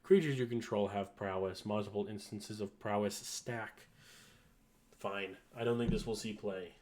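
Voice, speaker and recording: A man's voice: fairly low pitch, normal speed, darkish tone. A man going through a card list in casual commentary, reading rules text and reacting in an offhand, dry way. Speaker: card reviewer.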